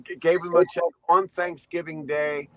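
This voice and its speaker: A man's voice: on the high side, flat delivery, normal speed, crowd noise, rough recording. Chuckling fifties man telling trucking stories. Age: 50s. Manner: rambling anecdotes, laughs often, acts out dialogue. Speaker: truck driver guest. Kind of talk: storytelling interview.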